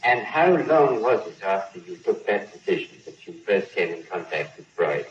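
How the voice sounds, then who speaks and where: A man putting measured, persistent questions as an interviewer, heard on an old 1950s archival recording. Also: fairly low pitch, very animated, slight background noise. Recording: echoey, dull old broadcast recording.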